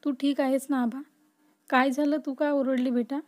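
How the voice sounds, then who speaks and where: A woman's voice: high-pitched, level tone, moderate pace, darkish tone, close to an everyday voice. A woman voicing a caring middle-aged father in a storybook reading, speaking in a soothing, reassuring way. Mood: tender.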